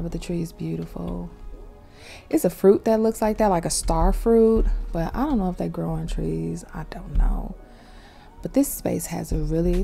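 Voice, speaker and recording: Casual female vlogger, warm dark tone, laid-back rambling narration over gameplay. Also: lowish voice. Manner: relaxed, chatty, lots of "little" and "like". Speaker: vlogger touring a virtual world.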